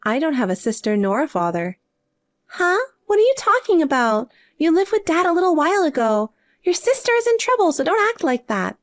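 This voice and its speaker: A woman's voice: high-pitched, big pitch swings, brisk. A woman voicing a desperate adult older sister who whines and pleads for help. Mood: indignant. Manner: whiny and pleading.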